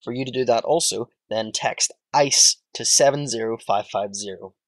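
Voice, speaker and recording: A man's voice: mid-range voice, normal speed, no room sound. A young man narrating his own home video as a scripted voice-over, with a wry, self-mocking manner. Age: young adult.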